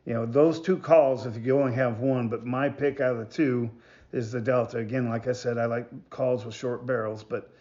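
A man giving a casual product demonstration as a maker of hunting calls, talking in a halting, rambling way and often repeating himself. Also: medium pitch, fairly even intonation, mellow, highs cut off. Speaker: goose call maker presenting products.

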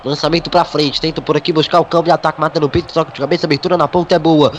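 A man's voice: fairly high pitch, little pitch movement, very fast, a little hiss or hum. A Brazilian man doing live radio football play-by-play in a projected announcer's delivery, peppered with stock catchphrases.

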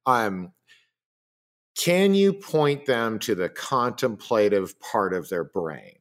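A man's voice: lowish voice, expressive, takes it slowly. Thoughtful man explaining step by step. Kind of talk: casual podcast conversation.

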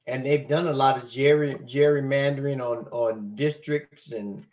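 A man's voice: mid-range voice, fairly even intonation, normal speed, a little mellow. A man co-hosting a casual talk show, agreeing often and restarting words as he goes. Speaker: co-host. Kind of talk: casual chat on current events.

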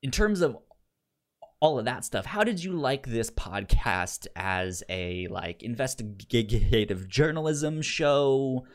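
This co-host sounds very animated in a mid-range voice but speaks slowly. Recapping in a relaxed podcast chat, he often stumbles and repeats word beginnings, and he performs quotes in playfully raised voices.

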